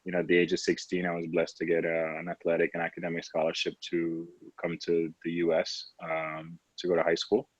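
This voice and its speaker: A Trinidadian professional basketball player in his late twenties talks reflectively as a podcast guest, often saying "you know." His low voice is monotone and breathy, a little fast with few pauses. The lo-fi recording sounds roomy and slightly dull.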